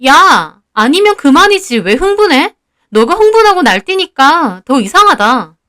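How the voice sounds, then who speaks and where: Woman putting on a mocking teenage schoolgirl, high, sharp and needling, defiant, storybook reading. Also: very animated, normal speed, no echo, studio quality. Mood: taunting.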